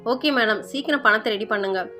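A woman voicing a male hospital doctor who talks in a brisk, matter-of-fact way. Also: a little high, pushed and bright, faint music behind.

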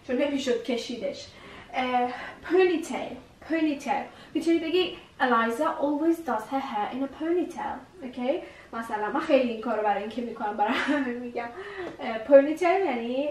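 A woman's voice: high-pitched, darkish tone, recorded from a distance. A woman teaching English vocabulary, repeating each new word several times as she explains it. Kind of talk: vocabulary lesson. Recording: echoey room, voice a bit off-mic.

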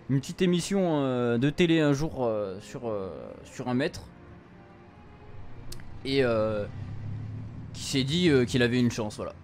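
A young man of medium pitch and darkish tone streams a casual let's play, reading out game dialogue as he translates it into slangy, informal speech. Video game music runs behind him.

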